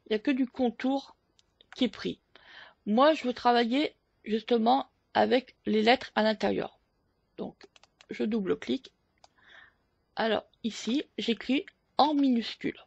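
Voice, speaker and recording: A woman hosting a photo editing tutorial, explaining each step slowly with hesitant fillers. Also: on the high side, creaky, darkish tone, slightly rough, no echo, dull audio. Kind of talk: screen-recorded software tutorial.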